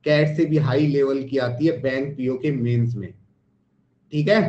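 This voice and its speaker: A man's voice: on the high side, a little mellow. An Indian man teaching a live online class, firing rhetorical questions at students and mixing in English phrases. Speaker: online test-prep teacher. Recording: echoey, dull lo-fi stream.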